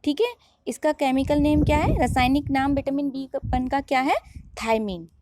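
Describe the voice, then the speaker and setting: A woman's voice: high voice, moderate pace, darkish tone, slight background noise. A woman teaching a biology lesson online, who asks questions and answers them herself.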